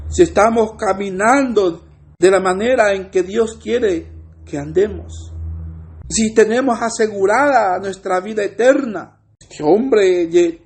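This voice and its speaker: A man's voice: high voice, darkish tone. A man from El Salvador with a Salvadoran Spanish accent, preaching an earnest sermon and addressing his listeners as brothers.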